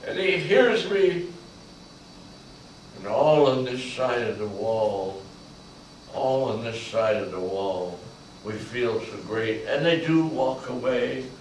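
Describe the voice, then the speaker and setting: An older man, a veteran, performing a slow, emotional spoken-word monologue that swells to loud peaks on key lines. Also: on the low side, slight background noise. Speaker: Vietnam veteran storyteller. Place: large echoey college room. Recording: echoey room from far off.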